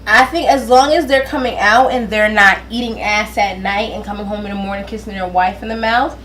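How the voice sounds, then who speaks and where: A woman's voice: mid-range voice, steady tone, brisk, a bit bright, a little hiss or hum. A giggly drunk woman bantering casually as a vlog host, sassy, teasing and emphatic. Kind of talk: casual banter while doing makeup.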